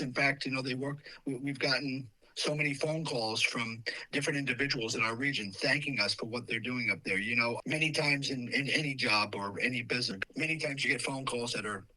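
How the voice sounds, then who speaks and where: Hoarse, bright-voiced male commissioner. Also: medium pitch, low-quality recording. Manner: earnest, many fillers and restarts. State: hoarse from cheering. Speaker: county commissioner. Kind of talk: radio interview.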